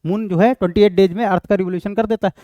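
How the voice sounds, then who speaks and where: A high-pitched male teacher with an Indian accent keeps his intonation fairly even; the audio has no echo but the highs are cut off. Through this exam-prep lecture he explains things step by step, answers questions he raises himself, and reads the English question text slowly.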